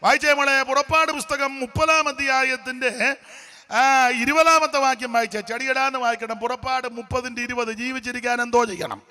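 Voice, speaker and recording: A man from preaching a sermon, animated, breaking into hymn lines and dropping to hushed voices to act out scenes. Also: extremely high pitch, moderate pace. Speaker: pastor.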